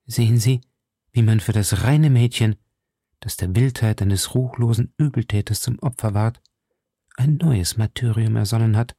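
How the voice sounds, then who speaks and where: Guy reading a wronged noblewoman in a storybook, proud, dramatic, gravelly, close dry sound. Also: lowish voice, normal speed, warm tone, no room sound. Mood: bitter.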